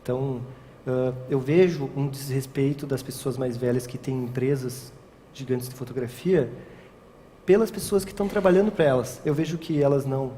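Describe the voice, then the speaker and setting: A man's voice: medium pitch, normal speed, warm tone. Rambling young man. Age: young adult. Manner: rambling, frequent "sabe?" tags, restarts. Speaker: wedding photographer, interview guest. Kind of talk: casual interview talk. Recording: long reverb, faint ambient noise.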